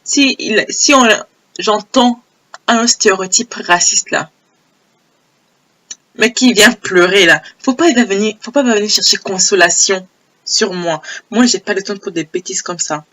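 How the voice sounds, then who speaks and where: Young woman, hoarse and a bit low, chatty storytime, keeps repeating stuff for emphasis. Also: measured pace. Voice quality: low broken voice. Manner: animated, repeats phrases for emphasis. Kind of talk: casual storytime monologue. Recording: old homemade audio.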